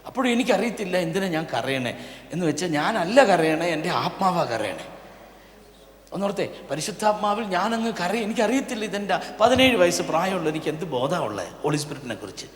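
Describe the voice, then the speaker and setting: A male pastor, preaching a sermon and swinging from quiet asides to loud, impassioned calls. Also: sits high, sing-song, a little fast. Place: church prayer hall. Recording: echoey church hall, long reverb.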